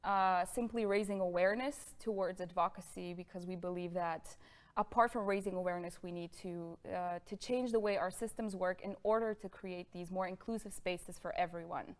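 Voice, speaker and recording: A young woman from Bulgaria gives a lecture in a smooth, clear voice. She is friendly and fills pauses with ums, then rushes ahead in quick bursts. The sound comes from a camera a little way off in a studio room. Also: lowish voice, steady tone. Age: 20s. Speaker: guest lecturer. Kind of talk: presenting a lecture. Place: studio room with pink sofa.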